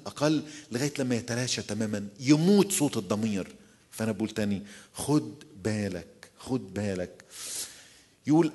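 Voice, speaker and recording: A man's voice: lowish voice, a little mellow, slightly rough. A man preaching a sermon in an Egyptian accent, repeating key phrases and putting rhetorical questions to his listeners. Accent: Egyptian Arabic. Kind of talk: sermon at a church retreat.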